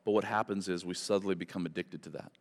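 A man's voice: sits low, steady tone, quick pace. A man preaching a sermon at a pulpit microphone, emphatic, with repeated phrases and rhetorical questions. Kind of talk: sermon to a congregation. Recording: reverberant hall.

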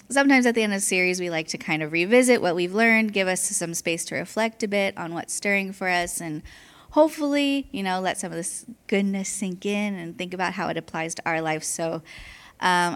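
A woman's voice: mid-range voice, fairly bright tone, clear, resonant tone. A young woman delivers a conversational sermon in a mid-range voice. She sounds slightly winded, as if short of breath while talking. Her phrasing is informal, full of "like" and small check-ins with her listeners. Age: young adult. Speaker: church speaker.

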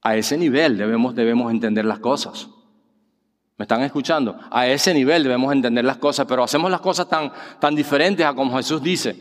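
A middle-aged male pastor preaching a sermon, peppering the congregation with rhetorical questions and acting out quoted voices. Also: brisk. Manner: acts out quoted voices with sudden pitch jumps. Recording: long hall reverb.

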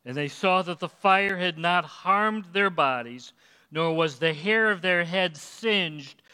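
Animated high-voiced male preacher, hall reverb. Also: takes it slowly, clean tone. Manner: animated storytelling, acts out quotes, asks listeners questions. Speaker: pastor. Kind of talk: sermon.

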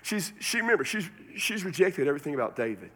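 A pastor from Texas with a Texan accent, preaching a sermon in a folksy, conversational way with plenty of colloquial phrasing. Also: male voice, on the high side, sing-song, quick pace, a bit bright, husky.

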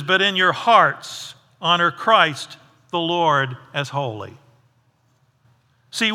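A man's voice: high voice, sharp tone, big-room sound. A man preaching a conversational sermon, often asking his congregation questions. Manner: conversational, asks the audience questions. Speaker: pastor.

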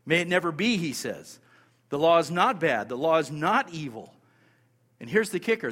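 A man's voice: a little high, a bit bright. Emphatic male preacher in a reverberant hall. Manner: emphatic, repeats key phrases, asks the congregation rhetorical questions. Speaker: pastor. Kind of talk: sermon.

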